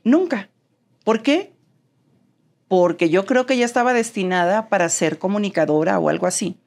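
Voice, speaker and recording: A woman's voice: medium pitch, moderate pace, gravelly. A Mexican woman with a neutral accent, a guest in an interview, telling her story animatedly and acting out the dialogue. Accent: neutral Mexican Spanish. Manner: animated, acts out quoted dialogue.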